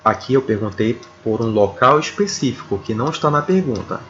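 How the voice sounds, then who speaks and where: A man with a Brazilian Portuguese accent teaching an English grammar lesson, slow and deliberate, often repeating words and checking in with his students. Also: mid-range voice, lively intonation, a bit bright, dull audio, a little hiss or hum. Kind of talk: video lesson explaining grammar.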